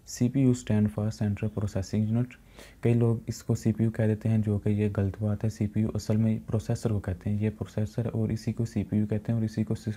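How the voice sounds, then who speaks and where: A man with a Pakistani Urdu accent teaching computer science in a recorded lecture, explaining in plain speech and reading English definitions slowly. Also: lowish voice, mellow. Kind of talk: recorded lecture over slides.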